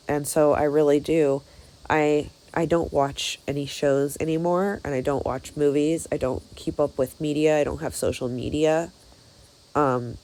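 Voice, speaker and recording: A woman in her thirties, losing her voice, talking haltingly with many fillers in a personal vlog. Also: low voice, mellow, low-quality recording. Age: 30s. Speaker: vlogger.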